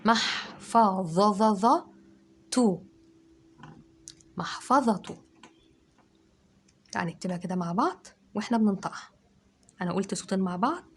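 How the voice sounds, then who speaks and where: A woman teacher with an Egyptian accent, giving a dictation lesson to children and sounding words out syllable by syllable, loud and drawn out. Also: mid-range voice, animated, fast, long pauses, a little hiss or hum. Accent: Egyptian Arabic.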